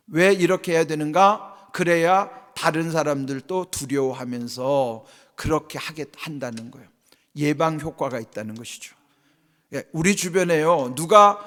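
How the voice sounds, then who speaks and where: A man preaching a sermon as a pastor, emphatic, full of rhetorical questions, with his voice swinging between loud and hushed. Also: a little high, long reverb tail. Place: church sanctuary.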